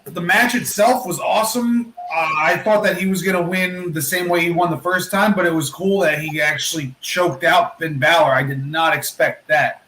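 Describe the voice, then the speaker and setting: A man with a fairly high voice gives casual sports analysis on a podcast. He is recorded in an echoey room with faint noise. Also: steady tone, moderate pace, few pauses, bright, forceful tone. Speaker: podcast co-commentator.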